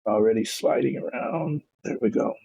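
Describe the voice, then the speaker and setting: Gravelly older man chatting while painting. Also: medium pitch, moderate pace, dark tone, no echo, dull audio. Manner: rambling, thinking aloud with restarts. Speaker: hobby painting host. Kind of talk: relaxed workshop chat while painting. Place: home workshop.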